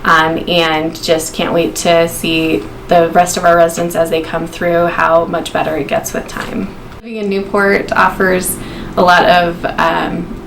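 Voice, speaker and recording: A woman's voice: fairly low pitch, little pitch movement, a little slow, creaky, a bit bright, a little hiss or hum, low-quality recording. A woman from the residency faculty speaking steadily and informatively, with "um" fillers.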